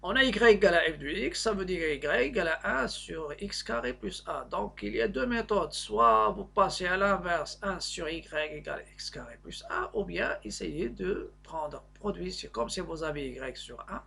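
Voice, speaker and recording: A male maths teacher with a fairly high, husky voice explains a worked problem. He goes step by step, halting and hesitating as he builds the explanation, with a creaky edge to his speech. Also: expressive, pushed and bright.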